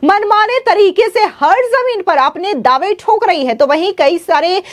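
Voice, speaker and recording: A woman's voice: extremely high pitch, animated, measured pace. A woman news anchor reading a formal, scripted voice-over.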